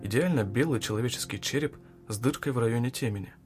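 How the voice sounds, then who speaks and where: A man narrating an audiobook in an even, measured reading. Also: mid-range voice, faint music behind.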